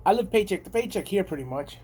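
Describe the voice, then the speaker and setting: High-pitched and expressive, this New York–accented American talks fast with a dark, slightly rough tone. Chatting casually to his viewers, he rambles and says things more than once.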